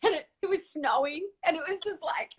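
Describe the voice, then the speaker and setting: Chatty woman hosting a livestream chat. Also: very high-pitched. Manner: warm chatty storytelling with laughter. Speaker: host.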